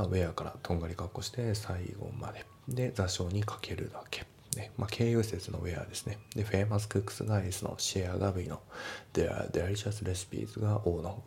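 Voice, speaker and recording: A man teaching English, breaking sentences into parts and reading English lines slowly, then explaining pronunciation. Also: low-pitched, gravelly, a little mellow, slight background noise.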